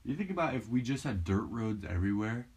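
A man's voice: on the low side, animated, quick pace, darkish tone, breathy edge. A young American man co-hosting a podcast in casual, crude, slangy banter, recorded on a phone with a cheap mic sound. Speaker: podcast co-host. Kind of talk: casual joking chat. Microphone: one shared phone.

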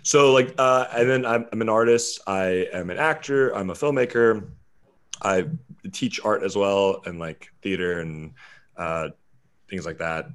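In a lowish, smooth voice and a little slowly, a young man from West Virginia, USA, a guest filmmaker and actor, chats casually in an interview. He rambles, correcting himself with frequent fillers and restarts.

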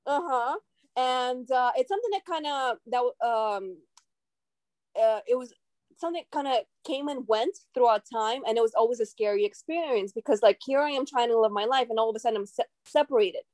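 A native Russian speaker from Russia appears as a guest on a casual podcast, talking reflectively and pausing to find her words. Her voice is slightly high with a darkish tone, recorded close and dry with no room sound.

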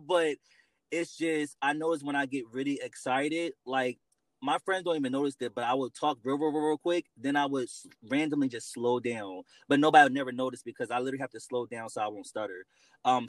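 Male guest, mid pitch, talkative, laughs easily, dry room. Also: no echo. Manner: chatty, laughs often, fillers like "like" and "um". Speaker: interview guest. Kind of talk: casual chat.

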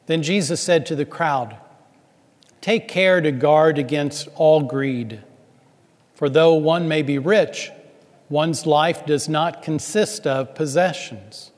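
Priest preaching in cathedral echo. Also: male voice, on the high side. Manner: loose, chatty preaching with many fillers. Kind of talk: gospel reading and homily. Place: large church sanctuary. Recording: long cathedral-like church reverb.

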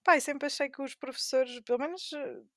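A woman's voice: high voice, brisk, no echo, clean studio sound. A young adult woman with a European Portuguese accent, co-hosting a casual podcast, speaking in a reflective, hesitant way. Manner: reflective, hesitant, many fillers. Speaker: podcast co-host. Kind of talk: casual chat.

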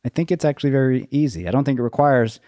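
A man in reflective, casual conversation, thinking aloud in a halting way and circling back to rephrase. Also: mid-range voice, expressive, warm tone, no echo, clean studio sound.

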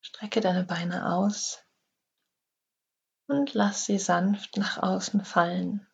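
A woman guiding a yoga nidra relaxation session in slow, soft, half-whispered instructions. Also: mid-range voice, steady tone, highs cut off. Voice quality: breathy, husky. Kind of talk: guided relaxation meditation.

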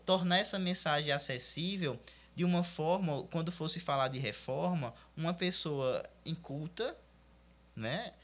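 A man's voice: a little high, a little slow, a bit bright. Brazilian pastor guy talking it through, leans on words like he's preaching, lots of "né". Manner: explanatory, preacherly emphasis, many filler "né"s. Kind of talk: casual panel discussion.

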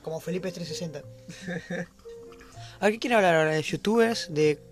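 A young man chats on a casual podcast, playful and teasing his friends. His voice sits high for a man. Faint music plays behind him. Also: fairly quick. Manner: playful, teasing, laughs often.

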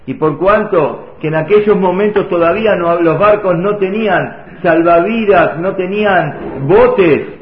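A man's voice: high voice, a little slow, few pauses. A man with a Rioplatense Spanish accent, a rabbi telling a sermon story in an emotional, sing-song, repetitive way. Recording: echoey, tinny phone-like audio.

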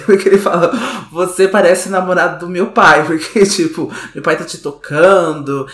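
A man co-hosting a podcast, relaxed as he recaps book chapters and fills his talk with tag questions. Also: on the high side. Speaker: podcast co-host discussing a book. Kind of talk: casual book discussion. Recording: roomy echo.

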